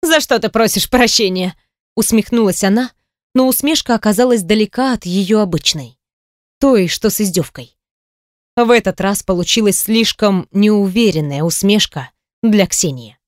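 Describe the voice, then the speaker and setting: A woman narrating a novel with an even, measured delivery. Her voice sits at a middle pitch. The recording is close and dry. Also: no room sound. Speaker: audiobook narrator. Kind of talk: scripted narration.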